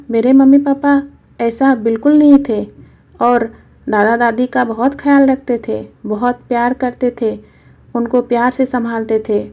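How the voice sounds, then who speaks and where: A mild-mannered grown son speaks calmly and soothingly, as a woman reading a storybook voices him. The tone is warm and mellow, pitched a little high. Nothing in it is harsh. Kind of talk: storybook narration.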